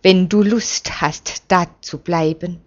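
A stern, commanding old man from a storybook reading, weighing each word with deliberate, unhurried authority, as a woman puts him on. The delivery is very slow. The sound is dull and lo-fi. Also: on the low side, steady tone. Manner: firm, measured, reproving. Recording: dull lo-fi recording.

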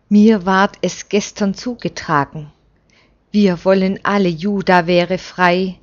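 Woman doing a bitter old priest whispering plots, urgent, slow and dull lo-fi. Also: medium pitch, close to an everyday voice. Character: scheming elderly male priest, bitter. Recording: dull lo-fi recording.

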